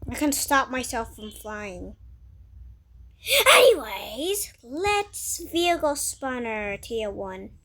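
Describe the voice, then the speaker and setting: A woman giving casual gameplay commentary, talking to herself in an excitable, exclaiming way. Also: a little high, slow. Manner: excitable, exclaiming and muttering to self. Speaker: gamer narrating gameplay.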